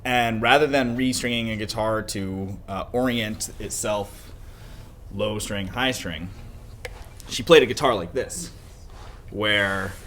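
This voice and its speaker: A man's voice: lowish voice, slow, pauses often, fairly bright tone, slight background noise. A man co-hosting a music podcast, explaining playing technique in an enthusiastic, casual way. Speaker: guitar teacher co-host. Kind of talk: casual chat.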